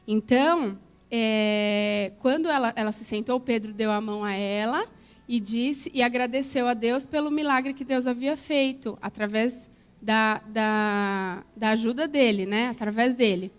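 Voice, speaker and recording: A woman tells a Bible story to a group of children at church, her voice sitting a little high. She coaxes the kids with questions as she goes and keeps it simple for young listeners. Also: measured pace, clean tone. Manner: coaxing, asks children questions.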